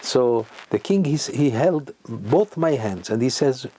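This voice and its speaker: An older man preaches a sermon as a rabbi. His voice is mellow and warm, sitting at a middle pitch. He drives his points home with rhetorical questions that leap upward in pitch. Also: animated, unhurried, a little hiss or hum, low-quality recording. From Morocco. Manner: emphatic, rhetorical questions, sudden rises in pitch.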